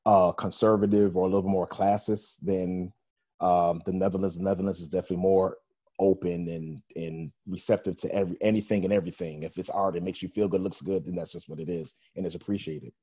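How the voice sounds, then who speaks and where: A man's voice: deep voice, fairly even intonation, brisk, warm tone, husky, dull audio. A man hosting a casual radio interview, rambling with many fillers and restarts. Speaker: radio show host.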